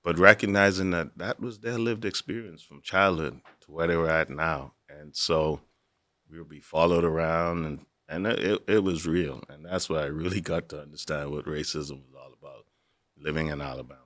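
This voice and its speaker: Deep-voiced man from the Bahamas. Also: steady tone, normal speed, fairly bright tone, no echo, studio quality. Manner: reflective, earnest. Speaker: guest. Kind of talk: interview storytelling.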